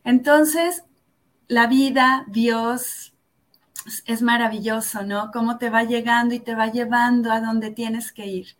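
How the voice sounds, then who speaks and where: A woman's voice: on the high side, fairly even intonation. A woman, a yoga instructor telling her story in an interview, earnest and reflective, often tagging her phrases with "¿no?". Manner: earnest and reflective, tags phrases with "¿no?", slows down for emphasis. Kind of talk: personal testimony in an interview.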